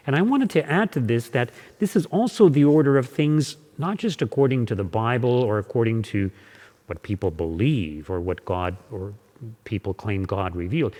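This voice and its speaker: A man, a parish priest raised in Canada after being born in Hungary, giving a Sunday homily in measured preaching style that slows down on key words. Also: mid-range voice, a little mellow. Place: church. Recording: long church reverb.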